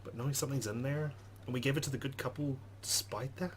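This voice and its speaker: A gaming host runs a let's play, reading game text aloud with flair and tossing in wry asides. His voice is medium-pitched and fast, over faint background noise.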